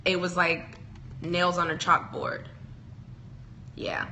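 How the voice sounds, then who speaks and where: A woman's voice: on the low side, level tone, takes it slowly, pushed and bright, slight background noise, poor audio. A woman co-hosting a podcast, chatting casually in a rambling, self-deprecating way. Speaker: podcast co-host. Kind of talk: casual chat.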